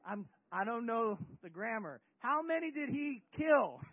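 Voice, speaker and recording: A man's voice: very high voice, sing-song, unhurried, slightly rough, no room sound. A male pastor giving a casual, joking sermon, acting out scripture scenes, in a muffled lo-fi recording. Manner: conversational, joking, acts out bible characters.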